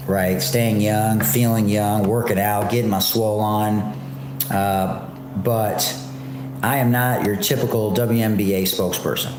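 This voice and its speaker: A man's voice: mid-range voice, a little mellow, slight background noise. A man hosting a casual livestream from a home art studio and kitchen area, talking in a laid-back, rambling way with many fillers, his voice carrying a strong room echo. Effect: echoey room reverb on the voice. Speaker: podcast host and online shop seller. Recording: echoey room with faint background ambience.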